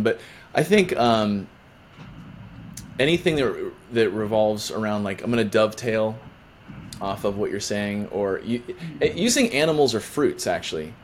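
Upbeat jokey man hosting, lowish voice. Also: unhurried, long pauses, a little hiss or hum. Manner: upbeat, jokey, many fillers. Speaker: podcast host. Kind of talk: casual interview chat.

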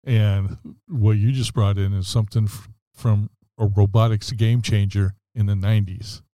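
A man's voice: lowish voice, fairly even intonation, normal speed, dark tone, dry recording. A man co-hosting a podcast, chatty and agreeable, chiming in with follow-up questions. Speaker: podcast co-host. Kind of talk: casual interview talk.

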